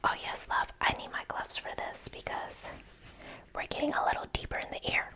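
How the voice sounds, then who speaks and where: A woman in a whispered role-play, whispering a secret as a gossipy ear-cleaning attendant confiding in a client. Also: moderate pace. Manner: whispering a secret, hushed and conspiratorial. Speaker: ASMR performer.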